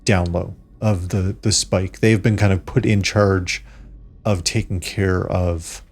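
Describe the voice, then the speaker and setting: A man narrating a tabletop role-playing game as game master, improvising exposition in a halting way. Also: deep voice, steady tone. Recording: background music under the voice.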